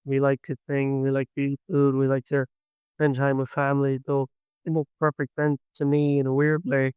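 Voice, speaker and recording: A young Irish folk singer-songwriter, appearing as a guest, chats enthusiastically and tells stories in a casual interview. His mid-range voice is monotone and a little mellow at a moderate pace, with a clean tone and no room sound, though the recording is rough.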